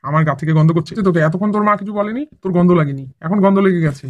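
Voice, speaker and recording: A man's voice: sits high, rapid-fire, narrow, tinny audio. A man playing a stubborn husband and father who avoids bathing and argues defensively. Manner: defensive, scolding. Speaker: actor in a comic family skit.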